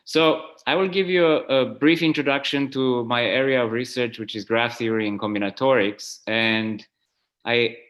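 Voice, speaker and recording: Over a video link, a Romanian-born man in his forties, a math professor invited as guest speaker, gives the plenary talk at an online conference. His mid-range voice stays steady and a bit bright at a moderate pace, though he hesitates a lot, with fillers and restarts.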